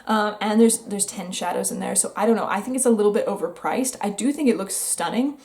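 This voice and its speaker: A woman's voice: mid-range voice, a little fast, darkish tone. Young american woman rambling about new makeup, candid and kinda wry. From United States. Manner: chatty, candid, wry asides. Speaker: beauty vlogger. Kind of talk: casual makeup review chat.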